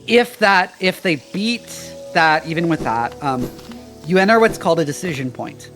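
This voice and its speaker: Man, fairly high voice, enthusiastic explainer, casual stream chat, faint music behind. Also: lively intonation, normal speed, a bit bright. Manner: enthusiastic, explains rules at length.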